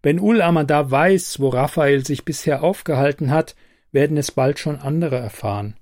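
A man voicing a cool female android bodyguard in an audiobook, speaking calmly and firmly. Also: fairly high pitch, normal speed, dry recording, studio quality, close to an everyday voice. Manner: calm, firm, matter-of-fact.

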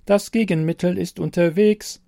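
A man's voice: high-pitched, fairly even intonation, moderate pace, creaky, dark tone, no echo, clean studio sound, voice pushed up. A man voicing a polite, mechanical beauty computer that speaks in formal, stiff phrases in an audiobook reading. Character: bumbling female-addressing beauty computer, polite, robotic.

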